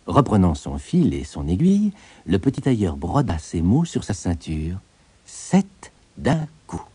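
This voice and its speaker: Mellow, expressive male storyteller. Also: low-pitched, normal speed, breathy edge, dry recording. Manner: expressive, lilting telling. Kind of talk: storybook narration.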